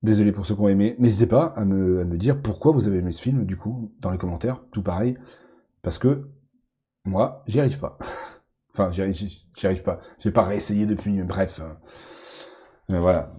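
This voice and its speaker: A man's voice: on the low side, fairly quick, warm tone, breathy edge. A man talking casually as he ranks films, rambling and often restarting his sentences with lots of fillers. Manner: rambling, self-correcting with many fillers and repeated words. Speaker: film YouTuber ranking movies. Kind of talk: casual chat.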